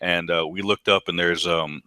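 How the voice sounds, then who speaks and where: Deep-voiced man telling rambling stories. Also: steady tone, moderate pace, pushed and bright, clean tone, dry recording. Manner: rambling storyteller, many ums and restarts. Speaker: podcast co-host. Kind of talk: casual chat.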